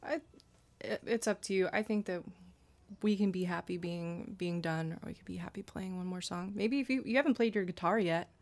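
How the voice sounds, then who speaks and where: A woman musician guesting on a radio show, talking softly and hesitantly, with plenty of fillers. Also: on the low side, fairly quick. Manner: soft-spoken, hesitant, with fillers. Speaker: band leader guest. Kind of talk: casual interview chat. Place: radio studio.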